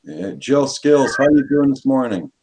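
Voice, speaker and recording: A man hosting a live stream, briskly greeting viewers in the chat. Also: mid-range voice, sing-song, darkish tone, husky, poor audio. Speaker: stream host.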